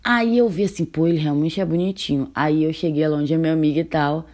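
A woman's voice: sits low, fast talker. A young woman from Brazil telling a funny personal story in a casual vlog, laughing often and acting out the dialogue. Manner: animated, laughing, acts out the dialogue.

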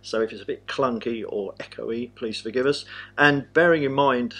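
A man's voice: mid-range voice, normal speed, a bit bright. An English man hosting a podcast, talking in a dry, self-deprecating way. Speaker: podcast host.

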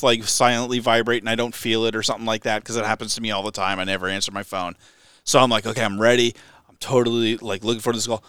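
Smooth-voiced man telling a rant. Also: medium pitch, no echo. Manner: animated, exasperated, laughs often. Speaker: podcast co-host. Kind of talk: casual storytelling chat. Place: home.

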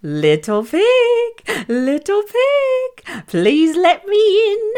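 A greedy male wolf from a storybook coaxes and whispers, as a woman puts him on. His voice jumps from hushed breathy lows to strained high pleas. He sounds sly and sweetly false. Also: huge pitch swings, very slow, heavily acted. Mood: coaxing. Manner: wheedling, sniffing and whispering.

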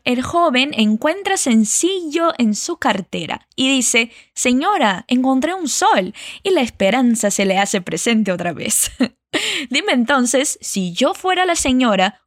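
A woman leads a language lesson, speaking slowly and carefully as she models each phrase. Her voice sits a little high. The sound is dry and close. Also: no room sound. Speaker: Spanish teacher.

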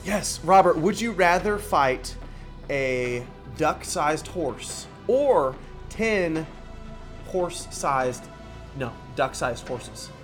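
A man's voice: a little high, animated, very slow, faint music behind. A man co-hosting a podcast in a casual, bantering chat style. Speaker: podcast co-host.

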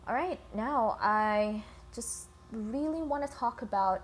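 This Filipina host of a casual solo podcast has a slightly high, animated voice and a slow pace. Recorded on an iPhone, there's slight background noise and scratching, and she talks informally, cursing and calling everyone "guys."

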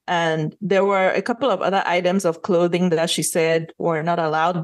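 A podcast co-host chats casually in a fairly low, slightly mellow voice. She's earnest and opinionated, building her points through rhetorical questions.

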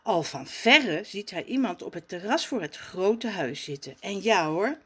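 A woman reading a children's story aloud in a gentle, expressive storytelling manner. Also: mid-range voice, measured pace, breathy edge. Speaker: storybook reader.

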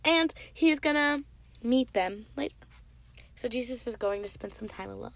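A young woman giving a casual devotional sermon, retelling a Bible story and often dropping into soft whispers. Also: on the high side, animated, normal speed, creaky.

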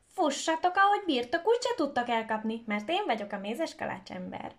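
A woman voicing a cheeky, boastful little gingerbread boy who shouts his taunts in a high voice. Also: animated. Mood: taunting.

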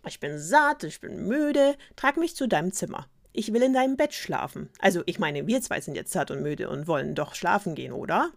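A woman voicing a cheeky, pushy male frog in a spoken fairy tale, high and demanding. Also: animated, normal speed, vocal fry, few pauses.

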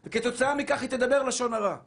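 A man preaching a Torah sermon as a rabbi, fervent and shouting, repeating phrases for emphasis and calling listeners his brothers. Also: very high-pitched. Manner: addresses listeners as brothers and dear souls.

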